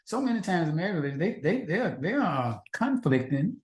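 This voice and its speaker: A man's voice: fairly high pitch, big pitch swings, normal speed. A man teaching a faith-based marriage class, earnest and repetitive, asking the husbands in the audience rhetorical questions. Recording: echoey room.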